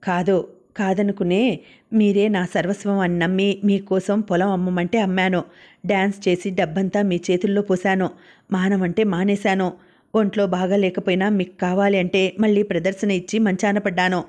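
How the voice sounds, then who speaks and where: A woman's voice: mid-range voice, little pitch movement, moderate pace, a little mellow, lightly acted. A woman reading the part of an ailing young wife who stubbornly refuses her husband. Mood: defiant.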